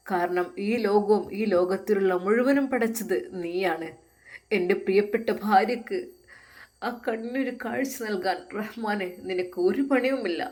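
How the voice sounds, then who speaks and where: A woman's voice: medium pitch, a little mellow, close to an everyday voice. A woman voicing a devout young male religious teacher who prays to God in a tearful, pleading way. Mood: whispered prayer. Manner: pleading, sobbing prayer.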